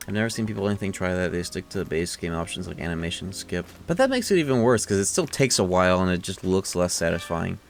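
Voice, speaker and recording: A man's voice: low-pitched, lively intonation, fast talker, few pauses, faint music behind. A man streaming a video game, chatting casually and rambling into rants with plenty of swearing. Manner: rambling, ranty, swears freely. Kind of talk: casual livestream chat.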